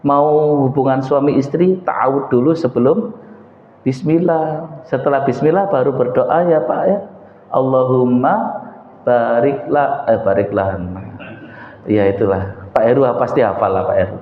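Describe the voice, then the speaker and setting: A man with a Javanese accent giving a religious study talk as a preacher, drilling the sounds of letters slowly and deliberately. His voice swings high and low, recorded in a large hall. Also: animated, a little hiss or hum. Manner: slow and deliberate, voice rising and falling sharply. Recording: echoey hall, dull lo-fi sound.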